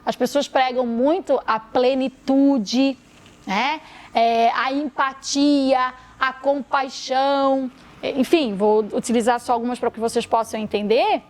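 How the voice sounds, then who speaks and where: A woman's voice: sits high, steady tone, unhurried. A woman, a guest therapist talking expressively and emphatically in a podcast conversation.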